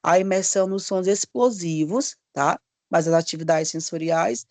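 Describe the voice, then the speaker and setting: A man's voice: high voice, dry recording. Male literacy teacher streaming a lesson. Friendly and demonstrative, stretches sounds, checks in often, dry close sound. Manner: drawn-out demonstrations of letter sounds; frequent checking tag questions. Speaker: literacy course instructor. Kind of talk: live online teacher training lesson.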